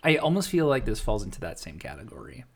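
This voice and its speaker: A man co-hosting a casual podcast chat, giving measured, thoughtful answers. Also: fairly low pitch, huge pitch swings, creaky. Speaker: podcast co-host.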